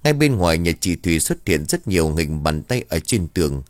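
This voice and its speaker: A man narrating a scripted story in a steady, even storytelling manner. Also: sits low, fairly quick, no room sound, clean studio sound.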